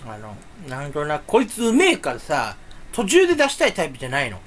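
Talking quickly in a voice on the high side, with pitch that swoops all over, a young man rambles solo to camera with a candy in his mouth. The YouTuber mocks himself playfully, mostly muttering but now and then shouting out loud.

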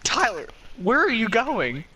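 Young female bunny played by a man, hammy stage melodrama, career-driven and pleading, bright forceful voice, comic reading. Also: very high-pitched, wildly swooping pitch, measured pace, breathy edge, voice pushed up, full character voice, poor audio. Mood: pleading, distraught. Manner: hammy, overwrought stage acting.

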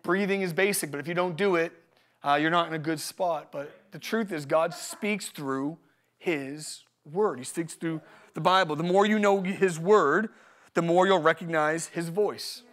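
A male pastor preaching a live church sermon, energetic and joking, repeating his key phrases for emphasis. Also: on the high side, unhurried. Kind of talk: live sermon with personal stories. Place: church service.

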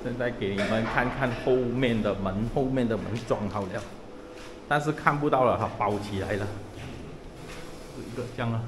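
A Malaysian man walks through his house while it's being renovated, casually chatting and pointing things out on a handheld action camera. His voice is medium-pitched and moves at a normal speed, with a big-room sound and a noisy background.

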